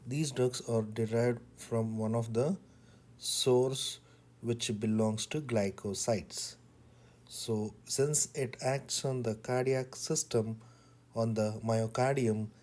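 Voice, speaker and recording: A man teaching pharmacology in a slow lecture, repeating key words in short, deliberate phrases. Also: medium pitch, darkish tone.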